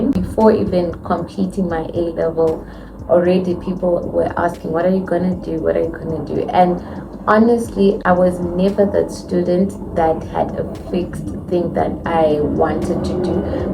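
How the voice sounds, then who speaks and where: A woman in her twenties from Zimbabwe, a dental student telling her own story to the camera in a chatty, candid, expressive way. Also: fairly low pitch, moderate pace. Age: 20s. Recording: distant mic with clear background noise.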